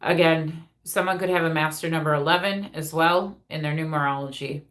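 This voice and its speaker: A woman's voice: sits low, steady tone, brisk, a bit bright. A woman hosting a casual live spirit reading, speaking informally and directly to her viewers as a medium.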